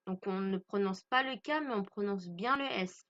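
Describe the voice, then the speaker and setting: A woman's voice: medium pitch, normal speed, fairly bright tone, highs cut off. A woman from France teaching English grammar to French speakers, patiently stressing pronunciation and repeating each point.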